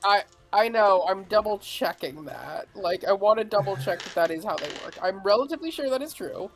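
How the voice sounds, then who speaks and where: Woman game master, mid-pitch, talks through rules and lore, rephrasing as she goes. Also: expressive, a little fast, soft background music, poor audio. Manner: thinking aloud, rephrasing mid-sentence. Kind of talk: narrating a tabletop game.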